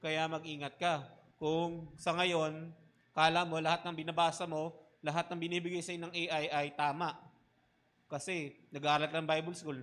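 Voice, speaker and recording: A Filipino man, a pastor, preaching a sermon in mixed Tagalog and English, often tagging lines with "di ba?" and swinging between loud emphatic bursts and quiet low asides. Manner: Taglish preaching, keeps asking "di ba?".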